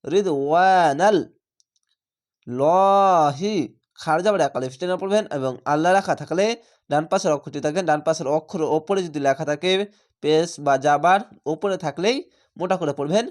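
Man teaching slow spelled-out Quran reading. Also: a little high. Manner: spells letters slowly, then chants the words drawn out. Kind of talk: spelling-out recitation lesson.

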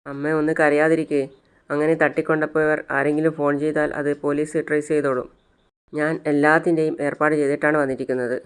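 A man voicing a steady young man who reassures his worried family, measured and calm. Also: fairly high pitch, clean tone, natural voice. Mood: reassuring.

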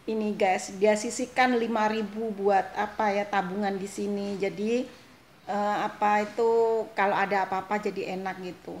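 A woman's voice: medium pitch, little pitch movement, normal speed. Chatty Indonesian vlogger woman, echoey room. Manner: chatty, laughs often, keeps addressing viewers as guys. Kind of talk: casual vlog chat. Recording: echoey room, faint noise.

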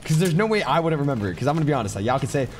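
An eighteen-year-old man streaming a game, talking fast and swearing as he loudly protests. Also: a little high, sing-song, slight background noise. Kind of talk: casual chat while gaming.

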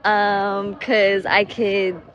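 A woman's voice: medium pitch, monotone, extremely slow, fairly bright tone, highs cut off. Hesitant young woman answering outdoors. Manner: plain, hesitant answers with ums. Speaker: interviewee. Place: outdoor street at night.

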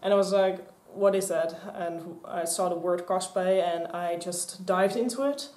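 This Dutch vlogger in her 20s has a lowish, steady, slightly mellow voice and speaks at a measured pace. She chats and rambles casually to a camera on a stand in front of her, gesturing a lot, inside a small craft room with shelves and mannequins that echoes.

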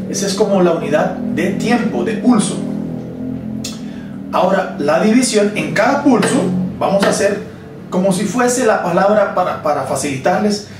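A man teaching a guitar rhythm lesson, explaining and chanting beat syllables aloud. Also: high-pitched. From Colombia. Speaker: music teacher. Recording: echoey room, distant mic, clear background noise.

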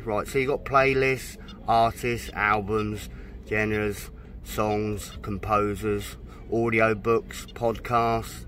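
A man from the United Kingdom stands outdoors by his boat in a dry stack, casually demonstrating its stereo and reading menu items aloud as he goes. His voice sits on the low side with a fairly bright tone, his manner chatty and unhurried, with slight background noise.

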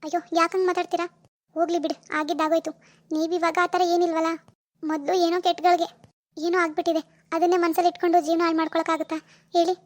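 A woman's voice: very high voice, level tone, quick pace, dry recording. A woman voicing a fierce, loyal young wife in a cartoon, scolding and firm. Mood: reassuring. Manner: scolding, then firm and reassuring. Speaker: narrator who greets viewers. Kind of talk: cartoon voice acting.

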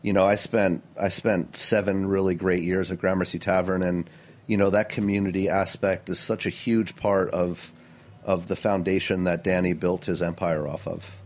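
A middle-aged chef answering interview questions in a studio, earnest and animated, often saying "you know" and "um". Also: male voice, sits low, moderate pace. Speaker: chef and restaurant owner. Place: radio studio.

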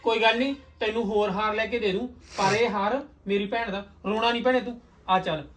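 Man playing a calm protective elder brother. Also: sits high, fairly quick, slight background noise. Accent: Punjabi. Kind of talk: Punjabi short film acting.

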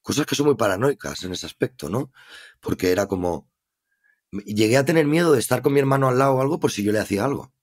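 A man's voice: mid-range voice, lively intonation, fast. A man with a Spain Spanish accent, a podcast guest telling his story in earnest, reflective casual conversation.

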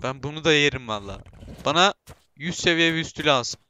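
A man giving casual, self-mocking commentary while playing a game, talking to himself and his viewers and bursting into excited shouts. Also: fairly high pitch, a little fast, clean tone. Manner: self-mocking, laughs often. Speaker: gameplay streamer.

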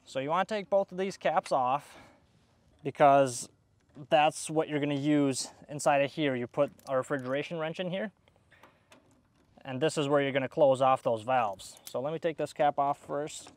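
A man's voice: a little high, moderate pace. A young man, an HVAC technician, explaining step by step as he works on an outdoor air conditioner. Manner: explains step by step while working. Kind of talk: hands-on tutorial. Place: outdoors by an AC unit.

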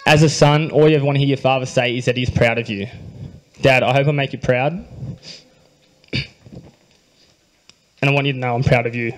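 Australian groom reading a wedding speech. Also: male voice, mid-range voice, fairly even intonation, normal speed, pauses often, poor audio. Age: young adult. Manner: dry humor, quietly emotional, clears throat often. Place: wedding reception hall, indoors. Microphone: handheld microphone.

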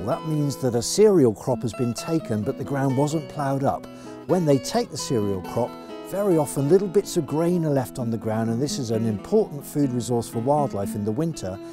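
A middle-aged man from the UK explaining wildlife habitat outdoors in a clear, enthusiastic instructional manner, on a lapel mic. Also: medium pitch. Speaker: conservation educator. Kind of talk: instructional nature film. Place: outdoors in grass fields.

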